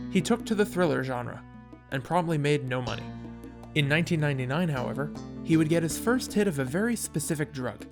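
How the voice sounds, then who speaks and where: A man with a slightly high, gravelly voice narrates a scripted video essay, telling it in a wry, casual way with dramatic touches. Music plays behind his voice.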